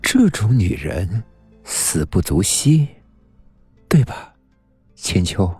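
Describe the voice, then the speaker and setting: A man voicing a demonic double of the narrator, a cold, tempting young man who speaks in a low coaxing murmur, in a storybook reading. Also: very animated, slow pace, dark tone, husky, soft background music, full character voice. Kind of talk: audiobook narration with acted voices.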